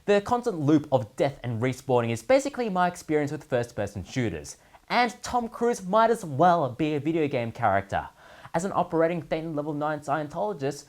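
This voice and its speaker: Hosting a gaming news segment, a man performs scripted comedy commentary with a very animated delivery and wide pitch swings across every sentence. His sardonic tone never lets up as he sets up and lands punchlines with mock seriousness.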